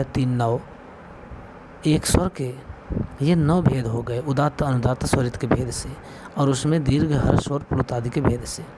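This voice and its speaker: A man giving a spoken video lesson on Sanskrit, explaining patiently step by step and counting aloud. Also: medium pitch. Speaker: Sanskrit teacher. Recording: clear background noise with clicks.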